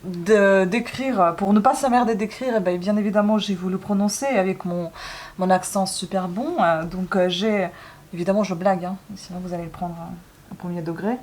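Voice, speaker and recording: A woman's voice: medium pitch, normal speed, darkish tone. A woman vlogging casually while building a craft, joking and grumbling with lots of asides. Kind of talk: casual chat vlog.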